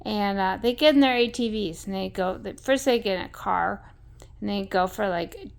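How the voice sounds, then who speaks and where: Blunt woman rambling through a story, gravelly but smooth voice, lots of ums. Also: medium pitch, normal speed. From American West. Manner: blunt, salty, with frequent fillers.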